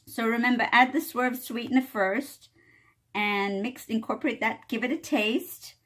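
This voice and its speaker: A woman's bright, higher voice moves a little slowly as she hosts a cooking video in her home kitchen. Casual and conversational, she often asks "all right?" while explaining the recipe, coughing now and then because of the chili fumes.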